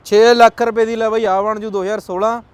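Hearty, high-pitched Punjabi man hawking cars. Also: flat delivery, fairly quick, clean tone. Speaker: video host. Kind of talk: casual car-market vlog banter. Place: outdoor car yard by a road.

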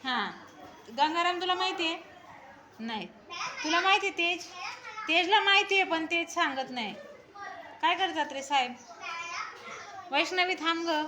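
A woman's voice: very high-pitched, measured pace, pauses often. Coaxing schoolteacher woman, noisy classroom. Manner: coaxing, repeats questions, urges children to speak up. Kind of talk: classroom questioning of young pupils. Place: school classroom full of children.

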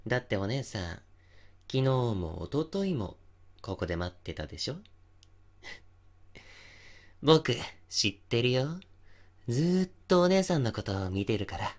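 A man playing an obsessive, possessive young stalker in an intimate ASMR voice drama, softly coaxing and teasing with menace. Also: medium pitch, very animated, a little slow, long pauses. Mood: menacing, taunting.

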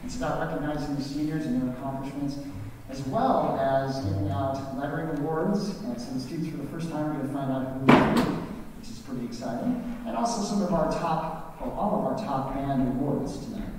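Band director in a booming echoey hall. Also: male voice, a little fast, background noise. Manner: friendly, proud, dry sarcasm. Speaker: high school band director. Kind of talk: concert announcement to an audience. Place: large school auditorium. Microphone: distant mic. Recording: echoey auditorium from far off.

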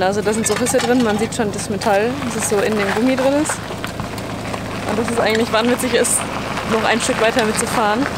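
A woman in her twenties, a travel vlogger chatting casually to a handheld camera outdoors, often laughing between sentences. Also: a little high. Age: 20s. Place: outdoors in the bush by a car. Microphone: handheld camera at arm's length. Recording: outdoor camera audio with clear background noise.

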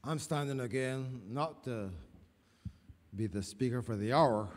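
A man's voice: medium pitch, a little mellow. A man formally introducing the guest speaker at a church service. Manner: formal, measured. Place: church sanctuary. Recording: reverberant church hall.

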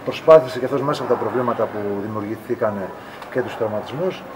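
Man in his thirties, team captain, frank and firm, post-game chat, noisy background. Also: medium pitch. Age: 30s. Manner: frank, firm, pushes back on questions. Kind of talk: post-game interview with reporters. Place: indoor arena corridor. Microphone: reporters' phones held close. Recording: noisy arena corridor.

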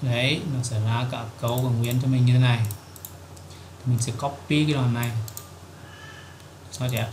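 Flat-voiced man explaining a software tutorial. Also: medium pitch, normal speed, long pauses. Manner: step-by-step explaining, frequent "there" fillers. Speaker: tutorial host. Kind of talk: screen-recorded software tutorial. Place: at a computer, recording his screen. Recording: echoey room with clear keyboard typing noise.

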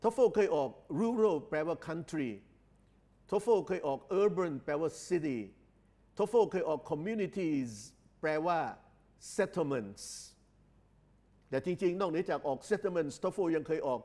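Male tutor, fairly high voice, slow and repetitive explainer. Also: expressive, dark tone. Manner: explains slowly and repeats phrases, drawing out English words. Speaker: English exam tutor. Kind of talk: recorded lecture.

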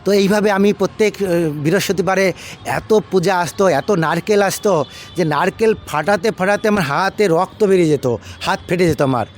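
Higher-voiced Indian monk telling stories. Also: male voice, a little hiss or hum. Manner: unhurried, repetitive, with many fillers and restarts. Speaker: ISKCON monk recounting his past. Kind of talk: casual storytelling talk.

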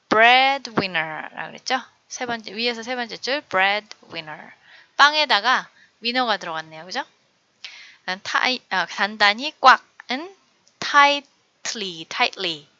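A woman teaching an online English vocabulary lesson, drilling each word slowly and giving its meaning. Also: mid-range voice, sharp tone, no room sound, highs cut off. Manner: slow, careful word-by-word drilling of English vocabulary with Korean glosses. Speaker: middle school English teacher.

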